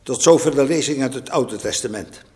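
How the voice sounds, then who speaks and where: A man leading a church service, praying and reading scripture in a measured, solemn way. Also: medium pitch. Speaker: worship leader. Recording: long church reverb.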